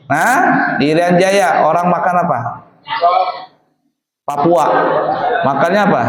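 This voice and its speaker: A man giving a casual religious lesson to boarding-school students, quizzing them with questions and answering them himself. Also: a little high. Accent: Indonesian. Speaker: pesantren teacher. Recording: echoey hall with a crowd of students.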